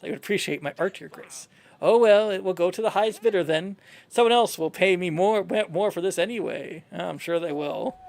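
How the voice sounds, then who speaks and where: A man voicing a pompous painter grandly pitching his own art in a video game read-along. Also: brisk, gravelly, a little mellow. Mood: haughty. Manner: grand, salesman-like. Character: pompous self-promoting painter selling his abstract art.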